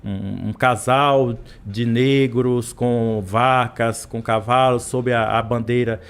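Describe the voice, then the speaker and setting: A man's voice: medium pitch, fairly even intonation, slow pace, smooth. A man from Brazil, a literature professor, talking as a guest in a podcast interview, full of restarts and repeated words.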